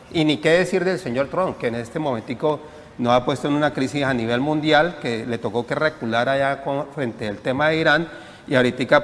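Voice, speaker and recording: A man speaking as a panelist on a political talk show, making measured arguments with frequent hesitant fillers. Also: mid-range voice, a bit bright, long reverb tail.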